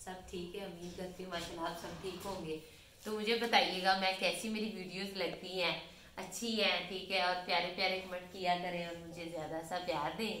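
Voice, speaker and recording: A woman's voice: fairly low pitch, steady tone, a little fast, a bit bright, a little hiss or hum. A woman from Pakistan filming a casual home vlog on her phone, rambling to viewers in one breath and saying "theek hai" again and again. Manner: chatty, says "theek hai" constantly. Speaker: vlogger. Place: home, in and out of doors. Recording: echoey room with faint ambience.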